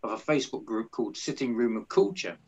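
A man hosting a podcast, enthusiastic but halting, with many restarts. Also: on the low side, darkish tone, slightly rough. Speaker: podcast host. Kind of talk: casual podcast interview. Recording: dull lo-fi sound.

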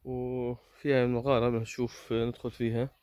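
A man's voice: mid-range voice, little pitch movement, darkish tone, clear, resonant tone. Palestinian man narrating a cave exploration. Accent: Palestinian Arabic. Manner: observational, pausing to speculate. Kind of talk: unscripted exploration commentary. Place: at and inside a rock cave. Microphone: handheld phone or camera. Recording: faint noise, handheld camera audio.

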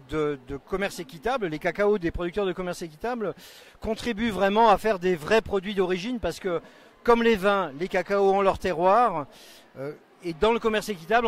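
High-voiced man presenting at a busy show. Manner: fluent, explanatory, holds a handheld mic. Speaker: host of a live stream at a trade stand. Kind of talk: live event interview and explanation. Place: busy indoor exhibition hall. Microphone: handheld mic.

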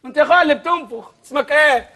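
An actor playing a loud, bossy, old-fashioned male Arabic teacher who scolds in a comically indignant way. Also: extremely high pitch, rapid-fire. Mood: scolding. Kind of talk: comedy film acting.

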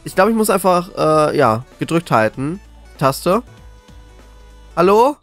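Excitable, scared horror game streamer, animated man. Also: a little high, takes it slowly, soft background music. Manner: excitable, jittery, repeats words. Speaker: gaming video creator. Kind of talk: scared horror game commentary, reacting live.

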